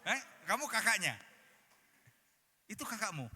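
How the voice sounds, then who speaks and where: A man's voice: high-pitched, sing-song, moderate pace, bright, forceful tone, a little hiss or hum. A male pastor giving an interactive sermon at a conference, playfully quizzing the congregation with questions. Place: large conference hall. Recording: reverberant hall with background music.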